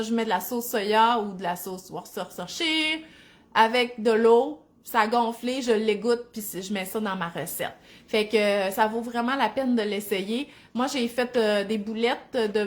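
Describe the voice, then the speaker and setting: A woman in her thirties with a Saguenay Quebec French accent, chatting casually to viewers, laughing easily and filling pauses. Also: on the high side. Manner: chatty, warm-hearted, laughs easily, many fillers. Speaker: family lifestyle vlogger.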